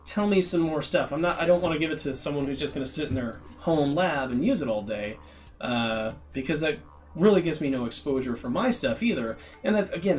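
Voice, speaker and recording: A man hosting a build stream, chatting casually and giving frank advice, rambling with many fillers and restarts. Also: a little high. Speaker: custom fight stick builder hosting a live stream. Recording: voice a bit far from the mic, faint music behind.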